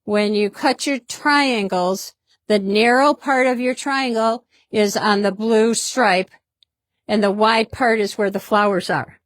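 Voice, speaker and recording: A woman's voice: mid-range voice, fairly even intonation, slow, no echo. A woman hosting a casual product demonstration in a fabric shop, chatty and upbeat, often repeating herself.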